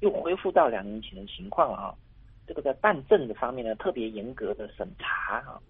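A man's voice: mid-range voice, sing-song, slightly rough, no room sound. A man, a tour guide chatting in an interview clip and drawing out his sentence-end particles. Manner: chatty, many drawn-out particles. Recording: tinny phone line.

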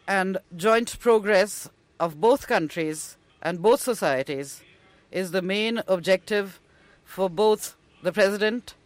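A man as a live interpreter voice, high and dry. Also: takes it slowly, no room sound. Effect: live interpreter voice over a speech. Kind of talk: simultaneous interpretation.

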